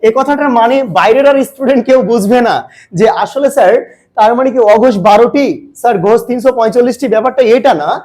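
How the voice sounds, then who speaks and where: A man's voice: very high-pitched, fast, a little mellow. A man teaching a grammar lesson, asking his students questions and answering them himself.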